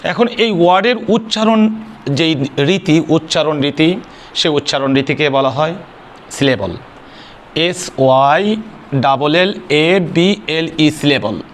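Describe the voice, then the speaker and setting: A man's voice: a little high, takes it slowly. A man gives an English grammar lesson in a somewhat raised voice, asking questions and answering them himself. He spells words out letter by letter and slips English phrases into his explanations. A faint noise sits under the recording. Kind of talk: spoken classroom lesson.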